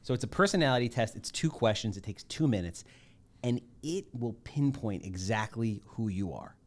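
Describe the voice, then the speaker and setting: Animated man hosting a casual podcast. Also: mid-range voice, moderate pace. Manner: animated, emphatic, jokey. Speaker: podcast host.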